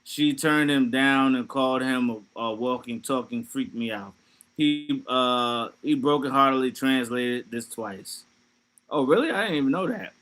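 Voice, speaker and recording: A man's voice: medium pitch, unhurried, a bit bright. A young man hosting a livestream, riffing loosely with profanity and jokes while reading chat. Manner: loose, profane, joking riffs. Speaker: livestream host. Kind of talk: casual livestream commentary.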